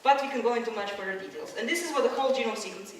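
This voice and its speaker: A woman's voice: fairly high pitch, rapid-fire. A woman from Croatia delivers a public science lecture, explaining as she goes and restarting her sentences often. She is picked up from some distance in a strongly reverberant hall. A faint room hum sits underneath. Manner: explanatory, with many fillers and restarts. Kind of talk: public science talk with slides. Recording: echoey hall, mic at a distance.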